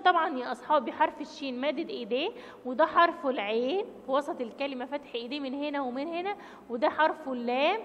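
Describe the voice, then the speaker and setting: High-voiced Egyptian woman teaching children. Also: in a large hall. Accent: Egyptian Arabic. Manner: drawn-out, emphatic syllables for young pupils. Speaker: primary school teacher. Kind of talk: children's reading lesson. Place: school classroom or room.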